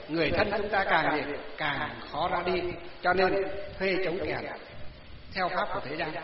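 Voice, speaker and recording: Speaking to a gathered crowd, this high-pitched man delivers a Buddhist sermon full of rhetorical questions he answers himself, occasionally quizzing listeners directly. Faint background noise sits under a roomy hall echo and muffled lo-fi sound.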